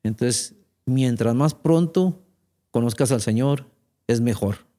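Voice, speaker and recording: A man's voice: medium pitch, takes it slowly, mellow. A man giving an earnest personal faith testimony in conversation, retelling talks he had with others.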